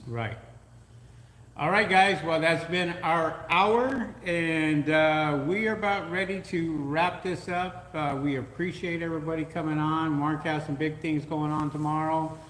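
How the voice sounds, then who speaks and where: A man's voice: fairly high pitch, steady tone, a little slow, few pauses, fairly bright tone, echoey room, long reverb tail, slight background noise, poor audio. A man co-hosting a live podcast, easygoing and full of uhs, greeting viewers and reading their comments aloud. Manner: easygoing, filler-heavy with frequent uh. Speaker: podcast co-host.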